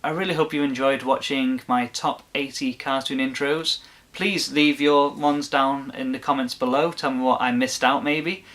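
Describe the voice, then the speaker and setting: A man's voice: mid-range voice, fairly even intonation, normal speed, fairly bright tone, a little hiss or hum. A man hosting his own video, talking casually and gushing with enthusiasm in a rambling way. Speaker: video host. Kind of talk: casual chat to camera.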